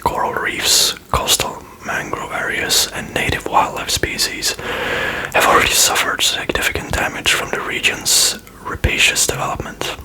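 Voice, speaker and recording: Man, breathy whisper, ASMR reading, casual asides, unvoiced delivery. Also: moderate pace, bright, forceful tone, rough recording. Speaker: ASMR host reading aloud.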